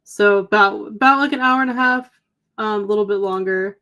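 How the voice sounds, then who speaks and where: A woman's voice: mid-range voice, brisk, pushed and bright. Young adult woman, livestream co-host, casual filler-heavy chat, slightly tired voice. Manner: chatty, lots of "um" and "like". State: slightly losing her voice. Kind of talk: casual chat reading viewer comments.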